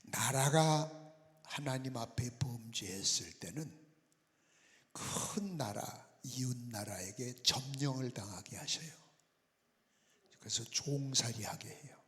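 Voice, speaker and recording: A man's voice: mid-range voice, takes it slowly. Earnest male pastor in a reverberant hall. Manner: earnest, drops to soft near-whispers for emphasis. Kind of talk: sermon and prayer. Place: large prayer-retreat hall. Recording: long reverb of a large hall.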